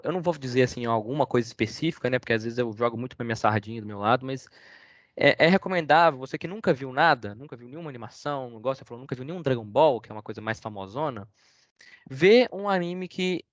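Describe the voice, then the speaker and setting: A man's voice: medium pitch, no room sound. Hesitant Brazilian man on a dull call. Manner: hesitant, rambling, many fillers and restarts. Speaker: guest speaker. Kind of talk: casual online talk with Q&A. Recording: dull, dry lo-fi call audio.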